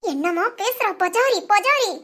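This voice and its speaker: A woman's voice: extremely high pitch, expressive, a little slow, a bit bright, exaggerated voice. A woman voicing a sly, defiant young village wife in a cartoon, sarcastic and muttering spiteful asides, with Tamil village speech. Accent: Tamil Nadu village speech. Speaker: daughter-in-law.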